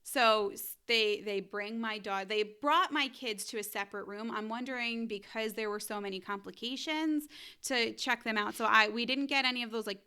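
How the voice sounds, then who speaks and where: A woman's voice: fairly high pitch, moderate pace, clean tone. A woman telling a personal story in a casual podcast chat, acting out what people said. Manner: animated storytelling, acting out quotes. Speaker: guest telling her birth story.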